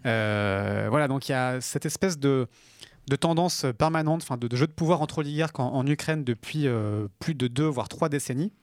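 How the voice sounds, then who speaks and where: Male co-host, explains news, hesitant with lots of fillers, mid-pitched, dry studio sound. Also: moderate pace, dry recording. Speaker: podcast co-host. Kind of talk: casual news podcast chat.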